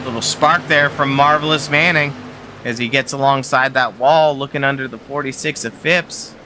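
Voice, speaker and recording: A Canadian man calling an online truck race as lead commentator, relaxed and chatty. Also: mid-range voice, moderate pace, slight background noise. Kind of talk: sim racing commentary.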